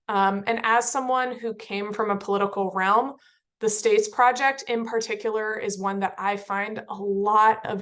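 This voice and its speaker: Host, woman, mid-range voice, welcoming and encouraging, speaking over a video call. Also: mid-range voice. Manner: warm, inviting, encouraging. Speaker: webinar host.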